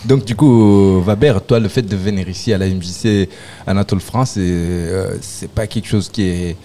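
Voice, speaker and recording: Male radio host, low and mellow, chatty and relaxed, faint noise behind. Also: moderate pace. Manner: relaxed, chatty, with short agreeing replies. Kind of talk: radio interview.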